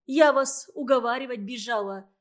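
Fiery young girl, indignant and tearful, read by a woman narrator, high and loud. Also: animated, takes it slowly. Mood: scolding. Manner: indignant, scolding, close to tears. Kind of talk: audiobook reading.

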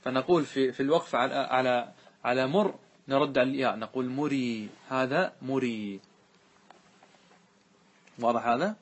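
Husky man teaching grammar. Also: medium pitch, fast talker. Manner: questioning, checks understanding often. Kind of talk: classroom grammar lesson.

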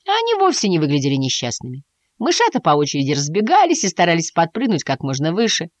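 A woman narrating a children's audiobook with an expressive, lively reading. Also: on the low side, fast, dry recording. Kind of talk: storybook narration.

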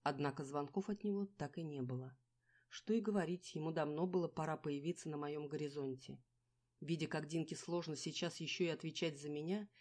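Low, mellow-voiced woman narrator. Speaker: audiobook narrator. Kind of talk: first-person scripted narration.

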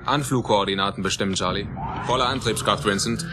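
A man's voice: on the low side, a little fast, natural voice. Man playing a commanding spaceship captain over music. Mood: decisive. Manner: commanding, clipped orders, wry. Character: bold, decisive male spaceship captain with dry humour. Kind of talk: German radio play acting. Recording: music bed under the dialogue.

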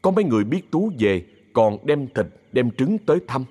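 A man with a Southern Vietnamese accent narrating a ghost story in a lively, expressive way. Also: mid-range voice, moderate pace, breathy edge.

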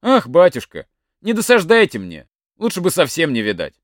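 A man's voice: a little high, wildly swooping pitch, normal speed, no echo, studio quality. A man voicing a sly young village lad in a folk tale, bold and cheeky.

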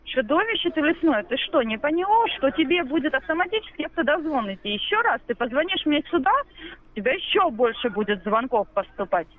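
A woman's voice: sits high, sing-song, brisk, a crowd in the background. A woman working as a debt collector, rude, threatening and insulting on a phone call. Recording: tinny phone line with noisy background.

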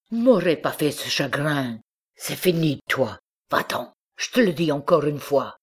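A woman reading aloud puts on a proud old farmer, gruff and scolding, whose voice turns to a trembling lament. The timbre sits low and altered, set apart from the narration of an audiobook.

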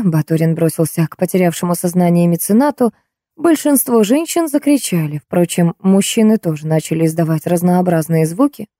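A woman narrating a novel aloud as a lively, expressive audiobook reading. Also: lowish voice, dry recording, clean studio sound. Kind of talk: scripted narration.

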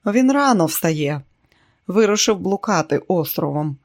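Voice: medium pitch, animated, unhurried. A reader voicing a polite, reserved young woman guest in an audiobook, speaking courteously. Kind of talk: audiobook character reading.

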